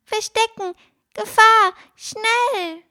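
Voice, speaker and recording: Tiny anxious male creature with a piping squeak, played by a woman; urgent, fretful storybook sidekick. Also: drawn-out words, sharp tone, heavily acted. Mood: alarmed.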